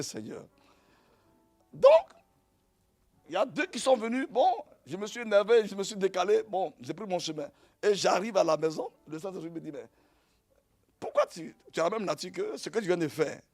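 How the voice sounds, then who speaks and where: A middle-aged male pastor preaching a sermon in a lively storytelling way, going from quiet asides to loud exclamations. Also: high voice, husky, dry recording.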